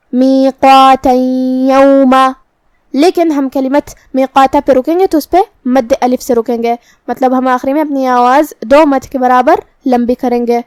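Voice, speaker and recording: Woman, recitation teacher, careful step-by-step explanations, high voice, dry close sound. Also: a little mellow, no echo. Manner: careful, methodical explanation of pronunciation rules. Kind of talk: tajweed lesson with slow recitation.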